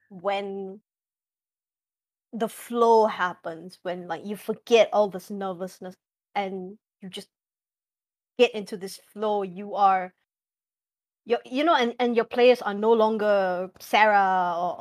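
A woman's voice: medium pitch, no echo. A young woman chatting casually as a podcast guest about running tabletop games, talking loosely with many fillers and frequent laughter. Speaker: podcast guest, game master.

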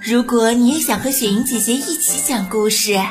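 A woman host of a children's story program closing the episode with gentle, coaxing appeals to the young listeners. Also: fairly high pitch, normal speed, soft background music. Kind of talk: scripted sign-off.

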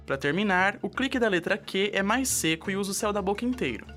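A man's voice: high voice, lively intonation, quick pace, pushed and bright, soft background music. Jokey young Brazilian man hosting radio. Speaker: student radio co-host. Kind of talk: scripted radio presenting.

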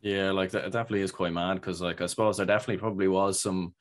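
A man hosts a relaxed podcast chat with a low, fairly flat voice. He fires off long questions quickly, circling back with "like" and repeated words. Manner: rambling questions full of "like" and restarts. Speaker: podcast host. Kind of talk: casual interview chat.

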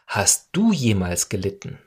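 A man voicing an impassioned man who defends his comrades, speaking in a solemn, declamatory way with a husky voice. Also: fairly low pitch, wildly swooping pitch, measured pace, pitched below the performer's own voice, exaggerated voice. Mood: accusing.

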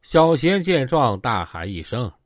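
Lively Northeastern male storyteller. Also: medium pitch, unhurried, no room sound, clean studio sound. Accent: Northeastern Mandarin. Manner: colloquial, vivid, with sound words. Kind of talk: oral storytelling of gangster tales.

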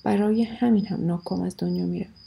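A woman's voice: medium pitch, steady tone, gravelly, mellow, poor audio. Woman reading as a fierce Cossack chieftain. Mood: muttering. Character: hardened middle-aged Cossack chieftain, fierce.

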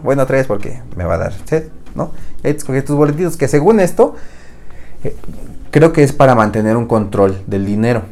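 A man's voice: lowish voice, a little mellow. A young man with a Mexican Spanish accent hosting a podcast, telling rambling comic stories in slang and laughing at his own jokes. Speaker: podcast host. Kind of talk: casual comedic monologue.

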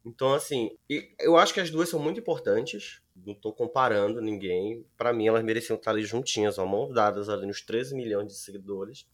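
A man's voice: on the low side, brisk, hardly any pauses, fairly bright tone. A man with a Brazilian Portuguese accent hosting a casual podcast chat in a campy, slangy, emphatic way.

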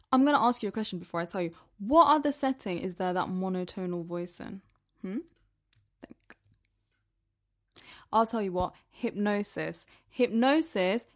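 A woman and singer talking casually to camera in a rambling monologue, full of fillers, swinging between emphatic and hushed. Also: medium pitch. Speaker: vlogger and singer.

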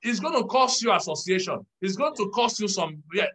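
A man, a pastor, teaching in a church talk show, measured and stressing key words. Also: high-pitched, lively intonation, fairly bright tone, slightly rough, rough recording.

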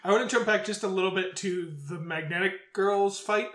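A man's voice: high voice, brisk, fairly bright tone, echoey room. A young man on a podcast recapping an anime with blunt, profane, exaggerated retellings. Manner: swears freely, exaggerated retellings. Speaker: podcast co-host. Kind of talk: casual chat recapping an anime.

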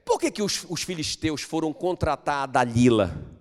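An older pastor preaching a sermon, his slightly high voice leaping up into loud exclamations and dropping into hushed asides. His pitch swoops widely, and a long hall reverb trails his words. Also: animated, moderate pace. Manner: swings between loud exclamations and soft low asides. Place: church.

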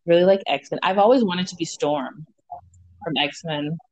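A woman's voice: on the low side, a little slow, darkish tone, a little hiss or hum. A young adult woman co-hosting a podcast, laid-back and teasing, with lots of fillers. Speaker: podcast co-host. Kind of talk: casual chat.

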